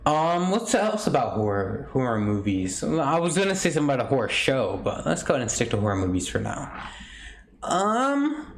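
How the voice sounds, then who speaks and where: A man's voice: medium pitch, huge pitch swings, normal speed. Young guy hosting a podcast, rambly and jokey, voice jumps all over. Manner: rambling, jokey, laughs often. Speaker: podcast host. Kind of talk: casual chat.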